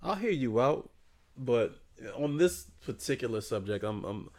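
Blunt, joking man with a gravelly voice. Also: medium pitch, sing-song, a little slow, a little mellow. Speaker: podcast co-host. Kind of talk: casual opinionated chat.

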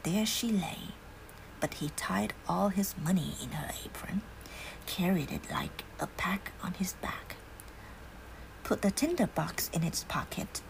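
A woman narrating a fairy tale in a hushed, unhurried whispered role-play. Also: fairly low pitch, animated, gravelly, poor audio. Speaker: storyteller.

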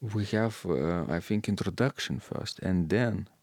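A man with a very deep, gravelly voice talks through organ pieces at an unhurried pace. He pauses often and fills the gaps with hesitant ums. The sound is close and dry. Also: a little mellow, no echo. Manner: slow and hesitant, with many fillers. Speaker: podcast co-host discussing organ music. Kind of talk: casual discussion.

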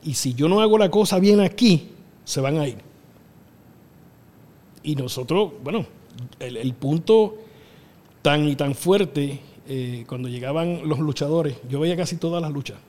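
Middle-aged Puerto Rican man, a bit high-pitched, spinning excitable backstage tales in a room with long reverb. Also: unhurried, long pauses. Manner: excitable, acts out voices, laughs often. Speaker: wrestling show booker. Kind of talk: animated storytelling interview.

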